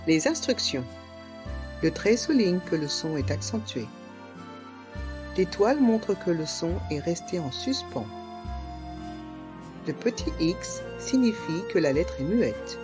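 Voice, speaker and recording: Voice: medium pitch, big pitch swings, takes it slowly, long pauses, music in the background. A pronunciation teacher giving a language lesson, carefully articulating each word and repeating it several times. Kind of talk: pronunciation lesson with slow repetitions.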